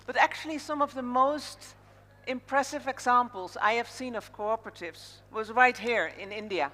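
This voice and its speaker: A Dutch-accented woman from the Netherlands opens a live conference as a casual emcee, standing on stage in a large indoor hall. Her voice is on the high side, bright and forceful at a moderate pace, and the PA gives it a big, echoing reverb.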